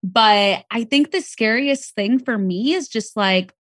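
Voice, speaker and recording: A woman's voice: on the high side, slow, no room sound. Dry-sounding, chatty young pregnant woman. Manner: candid, chatty, heavy on fillers. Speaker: podcast guest. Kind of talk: casual chat.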